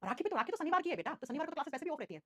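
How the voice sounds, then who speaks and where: A woman teaching a live online class, coaxing her students and quizzing them with quick questions. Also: high voice, very animated, a bit bright, no echo, clean studio sound.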